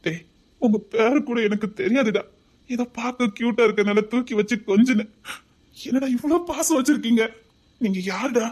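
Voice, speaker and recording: A woman's voice: on the high side, moderate pace, a little mellow, natural voice. A woman acting a tearful remorseful uncle with a Tirunelveli accent. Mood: relieved. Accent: Tirunelveli Tamil. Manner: emotional, pleading, tearful. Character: grown man, a lonely, remorseful uncle. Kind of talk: village web drama acting.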